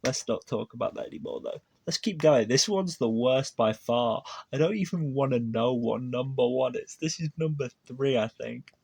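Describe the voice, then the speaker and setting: Husky man ranting over a clip. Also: mid-range voice, normal speed, hardly any pauses, darkish tone, no room sound. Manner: heated and incredulous, jumps in over the video. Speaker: reaction video host. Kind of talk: casual reaction commentary.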